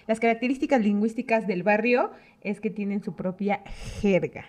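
A woman's voice: mid-range voice, normal speed, darkish tone. A young woman from the Mexico City area with a Mexico City accent, chatting casually and laughing often as a co-host. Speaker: podcast co-host. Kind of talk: casual chat.

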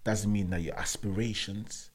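A man's voice: on the low side, fairly even intonation, moderate pace. A man with a London roadman accent telling stories casually in street slang, emphatic and acting out the exchanges he quotes. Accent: London, urban roadman slang. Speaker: talk show speaker who mentors prisoners.

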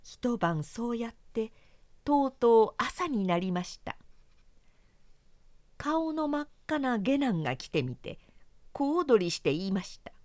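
A professional woman narrator reading a children's story aloud, expressive and clearly articulated, close to the mic. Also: a little high, slow pace, pauses often, dry recording.

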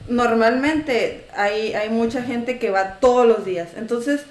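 Animated woman, high voice. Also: measured pace, echoey room. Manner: animated, acts out customers' voices, swears. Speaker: tortilla shop worker telling stories. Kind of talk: casual storytelling chat.

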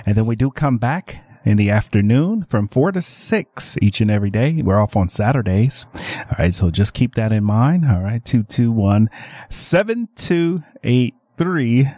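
A man hosting a live AM radio shopping show, delivering repetitive pitchman patter with drawn-out words. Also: lively intonation, warm tone, dry recording. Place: small dry AM radio studio. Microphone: close studio microphone. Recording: music playing behind a dry studio voice.

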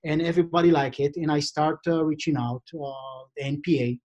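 A middle-aged man with an Israeli accent, a guest on a podcast, talking in a casual, halting way with many fillers. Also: fairly high pitch, fairly even intonation, darkish tone. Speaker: guest, diamond equipment vendor.

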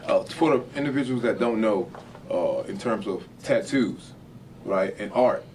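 A man from New Orleans hosting a podcast, asking relaxed, affirming questions. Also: on the low side, a little slow, recorded from a distance, slight background noise. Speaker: podcast host. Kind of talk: casual interview chat.

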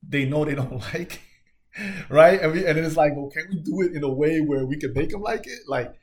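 A man hosting a casual book-talk podcast, easygoing and quick to agree. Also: a little high. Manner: easygoing, affirming, repeats short agreements. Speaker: podcast host.

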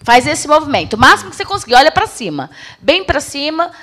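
A woman giving an animated live talk on communication, acting out examples as she goes. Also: sits high, fast. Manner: animated, acts out examples in put-on voices. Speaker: guest speaker on communication. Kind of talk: lively live-stream talk.

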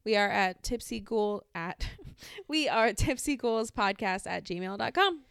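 A woman's voice: mid-range voice, expressive, measured pace, vocal fry, fairly bright tone, smooth, no room sound, clean studio sound. A woman co-hosting a casual podcast, upbeat and matter-of-fact as she reads the show's outro. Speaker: podcast co-host.

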